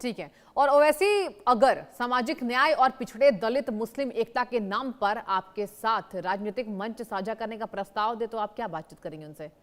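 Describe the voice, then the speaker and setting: A woman TV news anchor asking an interview guest polite, measured questions in a formal style. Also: on the high side.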